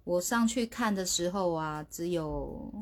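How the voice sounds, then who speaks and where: A woman's voice: on the low side, a little slow. A woman hosting a casual livestream from her phone, chatty and sheepish, often restarting her words. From Taiwan. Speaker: livestream host.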